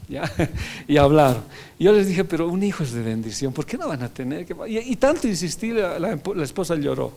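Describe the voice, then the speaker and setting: A male pastor preaching a sermon, telling a story and acting out the dialogue, then building to loud, emphatic preaching. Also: mid-range voice, vocal fry.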